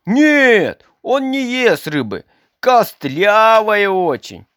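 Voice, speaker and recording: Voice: very animated, slow, a bit bright, no echo, clean studio sound, exaggerated voice. A reader voicing a small boy stuck under the sea, frightened yet trying to act bold, in a storybook reading. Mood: boyish, nervous. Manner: higher, childish pitch.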